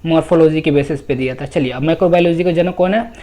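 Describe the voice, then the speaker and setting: Male coaching teacher, mellow voice, quizzes himself aloud, stretches English terms slowly, repeats and self-corrects. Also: a little high. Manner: asks questions and answers them himself, repeating key terms. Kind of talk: exam coaching lecture.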